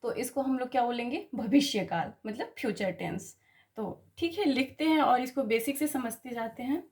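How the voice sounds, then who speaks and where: A woman's voice: fairly high pitch, moderate pace, a little mellow. A woman teaching a grammar lesson, explaining patiently, spelling words out letter by letter and checking with "okay?" after each point. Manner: explains patiently, keeps asking "ठीक है?".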